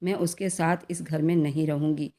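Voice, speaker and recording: A woman's voice: deep voice, fairly even intonation, moderate pace, warm tone. A woman voicing an indignant, hurt middle-aged wife and mother in a storybook reading. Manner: indignant, pleading.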